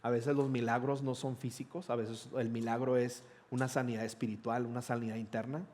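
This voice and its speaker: A middle-aged man, a pastor telling a personal story in a conversational sermon and acting out the dialogue. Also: mid-range voice. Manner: conversational, animated retelling with quoted dialogue.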